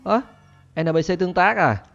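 Young male gaming host, higher-pitched, excitable let's-play chatter over a dull lo-fi recording. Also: fairly quick, vocal fry, faint music behind. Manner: chatty, laughing, frequent excited yelps.

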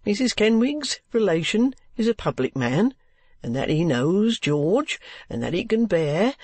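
A man's voice: sits high, very animated, measured pace, darkish tone, dry recording, voice pushed up, exaggerated voice. A man voicing a pompous, solemn Victorian husband who swaps his v's for w's. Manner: pompous, stiffly solemn, says w for v.

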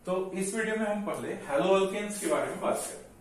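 A man's voice: high voice, normal speed. Guy teaching chem step by step, asks himself questions, on the words, bit of hiss, mic far away. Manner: explains step by step, asking and answering his own questions. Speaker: chemistry teacher. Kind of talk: classroom lecture. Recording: echoey room, mic far off, faint noise.

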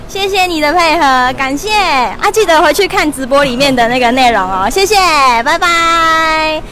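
A woman in her twenties hosting a lively livestream shopping promo in a mall store, chatty and laughing often. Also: high-pitched, normal speed. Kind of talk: lively live-stream product promo. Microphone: wired lapel mic held in hand.

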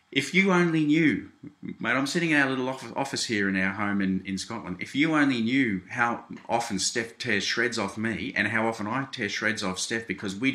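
Australian man with a forceful voice in a roomy office. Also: lowish voice. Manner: conversational, keeps addressing the listener as "mate", with frequent restarts. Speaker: seminar presenter. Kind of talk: direct-to-camera video response. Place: small home office.

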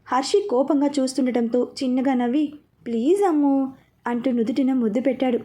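A woman narrating a scripted story in a steady, expressive way. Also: sits high, a little fast.

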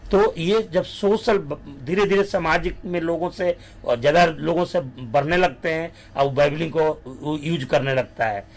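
Slow, high-voiced man lecturing. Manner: mixes Hindi with English terms, slows to dictate definitions.

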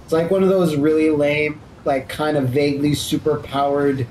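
A young man with a fairly high but mellow, warm voice trades sarcastic jokes while playing through a story game with a friend. His commentary is casual and loose, with offhand swearing, and a faint hiss sits under his mic. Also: flat delivery, moderate pace, poor audio. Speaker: let's play co-host.

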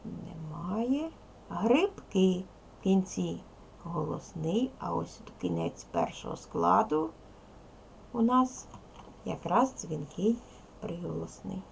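Slow gravelly woman teaching children. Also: on the low side, expressive, slight background noise, rough recording. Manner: slow, careful over-articulation of sounds; addresses pupils with instructions and questions. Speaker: primary school teacher. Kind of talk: video language lesson for children.

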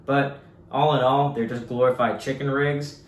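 A young man who guides surf fishing trips and hosts a channel chats easily with viewers, calling them guys, as he unboxes gear at his desk in a small home office. His mid-range voice has fairly even intonation at normal speed, and the room is echoey with faint hiss.

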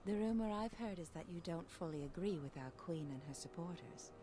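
An actress playing a composed political conspirator in a video game, speaking in a measured, formal way. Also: female voice, on the low side, lively intonation, over music, natural voice. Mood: discreetly persuasive. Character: composed female political conspirator offering bribes. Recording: clear background game noise.

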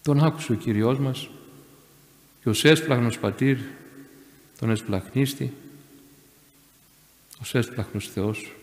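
Monastery elder preaching a sermon, mid-pitch man, keeps repeating lines and pushing louder, big churchy echo. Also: long pauses. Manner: emphatic, repeating phrases and swelling louder on key words. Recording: echoey church reverb.

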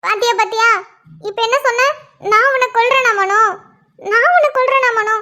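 A woman's voice: extremely high pitch, fairly quick, bright, forceful tone. A nagging young cartoon girlfriend. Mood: teasing complaint. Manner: twists every reply into a complaint. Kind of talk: cartoon voice acting.

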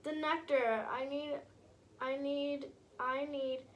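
A woman's voice: sits high, fairly even intonation, takes it slowly, slight background noise. A woman voicing a sad young male butterfly with crinkled wings, earnest and pleading, in a storybook reading. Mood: forlorn.

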